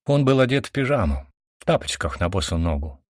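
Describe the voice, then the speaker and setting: A man reading a dramatic first-person story aloud, expressive and emotional. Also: lowish voice, fairly quick, dry recording, studio quality. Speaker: audiobook narrator.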